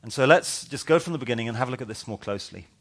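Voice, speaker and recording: A man's voice: mid-range voice, expressive, rapid-fire. Wry, conversational male preacher. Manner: conversational, wry and emphatic, with asides and sarcasm. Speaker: pastor. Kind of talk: expository sermon.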